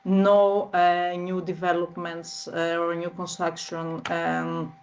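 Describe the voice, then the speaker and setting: Woman, Greek accent, 30s, low-pitched, monotone, hesitant with fillers, slightly muffled recording. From northern Greece. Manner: measured and halting, frequent filler sounds. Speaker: guest. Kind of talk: interview answers.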